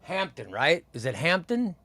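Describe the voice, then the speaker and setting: Very animated, this comics livestream host in his fifties talks at normal speed in a somewhat high, pushed and bright voice. He casually reads viewer comments aloud, rambling and repeating phrases as he goes.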